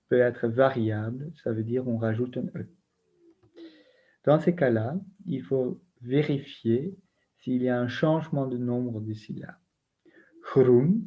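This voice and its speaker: Man, teacher, recorded lesson, patient letter-by-letter explanations, very slow delivery, dull lo-fi audio. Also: medium pitch, breathy edge. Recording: muffled lo-fi recording.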